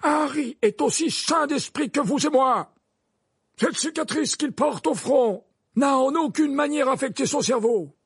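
Guy doing a stern old wizard voice, way up high and breathy, dry close sound. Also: unhurried, no room sound. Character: old male wizard headmaster, calm and commanding. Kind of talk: audiobook character voice.

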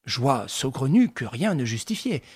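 A man narrating a novel in a measured, even storytelling manner. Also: medium pitch, husky, dry recording, clean studio sound. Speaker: audiobook narrator. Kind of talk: scripted narration.

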